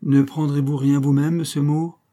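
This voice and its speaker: Casting : agent de police jovial, bavard, voix un peu plus haute, joué par un homme. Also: male voice, on the high side, level tone, moderate pace, dark tone, pitched above the performer's own voice, natural voice. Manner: talkative, at ease.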